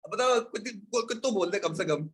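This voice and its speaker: A man's voice: sits high, animated, moderate pace, fairly bright tone, husky. A man lecturing an economics class in an informal way, teasing his students and calling them brother and son.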